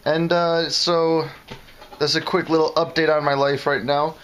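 A man's voice: fairly high pitch, flat delivery, a bit bright. A young man in a casual home vlog, chatting playfully and giggling with fillers, recorded indoors at a house on a handheld camera. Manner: playful, giggly, jokey with long pauses and fillers. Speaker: vlogger.

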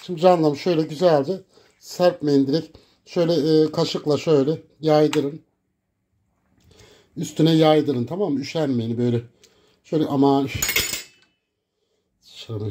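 A man recording a cooking vlog in his home kitchen, talking dramatically to viewers and breaking into loud, theatrical insults. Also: on the high side, fairly even intonation, normal speed, long pauses. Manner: dramatic, shouts insults, addresses viewers as "canlarım". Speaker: cooking vlogger.

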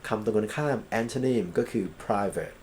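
A Thai man lecturing on English grammar and legal vocabulary, reading English examples slowly and then explaining them quickly. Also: on the low side, darkish tone, slight background noise.

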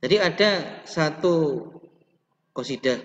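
A man's voice: fairly high pitch, lively intonation, slow, a bit bright. A young man teaching an online class, reading slides aloud and explaining them, with frequent restarts. He records through a webcam. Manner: reads slides aloud and adds explanation, with restarts and stretched words. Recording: roomy, reverberant, dull lo-fi webcam audio.

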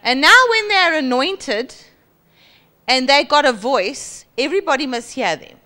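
A woman in her forties with a South African accent, preaching a sermon on a church stage into a handheld mic and mimicking boastful people. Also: a little slow. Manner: lively, acts out boastful voices with high pitch jumps. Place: large church hall stage.

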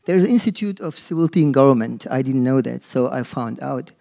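On a dark auditorium stage, a middle-aged marketing professor from Turkey speaks on a forum panel through a gooseneck podium mic, his Turkish accent clear. His medium-pitched voice is expressive, brisk and mellow, with vocal fry. Still, he hesitates a lot, with many fillers and restarts.

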